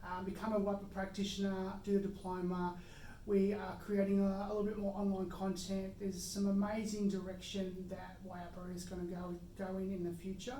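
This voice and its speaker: An Australian woman hosts a casual podcast conversation, upbeat yet a bit hesitant and using many fillers. Her medium-pitched voice is mellow and monotone at a moderate pace, recorded at a distance in an echoey room with a little hiss or hum.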